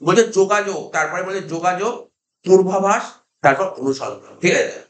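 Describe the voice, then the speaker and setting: A man with a Kolkata Bengali accent teaches a class, his voice pitched high for a man. He keeps repeating key terms and firing questions back at the students. The room around him is echoey. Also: brisk. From India. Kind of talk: classroom lecture.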